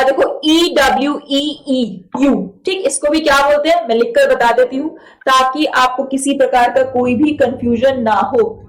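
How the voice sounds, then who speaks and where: High-voiced woman teaching English. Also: poor audio. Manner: repeats key points and quizzes with "clear?". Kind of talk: classroom lesson for exam aspirants.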